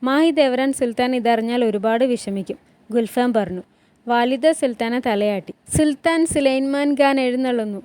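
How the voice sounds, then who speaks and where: A woman storyteller recapping a TV drama in a plain, steady retelling voice on a close mic. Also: on the high side, moderate pace.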